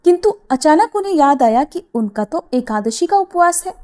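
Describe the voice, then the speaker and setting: A woman with a high voice tells a devotional story at a moderate pace, gently and expressively, voicing the quoted lines herself.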